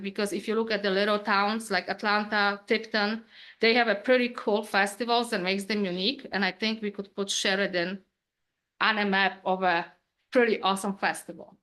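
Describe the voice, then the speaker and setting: A Polish woman with a Polish accent and a mid-range, slightly bright voice speaks as a restaurant owner during public comment at a town council meeting. Her English is informal and non-native, with frequent hesitant fillers.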